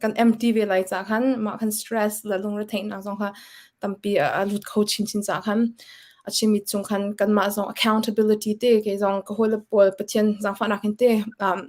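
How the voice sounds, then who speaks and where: A woman's voice: mid-range voice, little pitch movement, fairly quick. A woman speaking as a guest on church ministry, talking conversationally and mixing in English words. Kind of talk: casual ministry talk.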